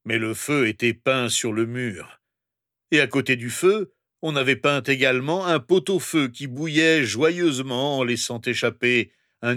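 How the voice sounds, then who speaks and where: Male storybook narrator; slow, measured delivery, dry studio sound. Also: medium pitch, a bit bright, no echo. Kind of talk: storybook reading.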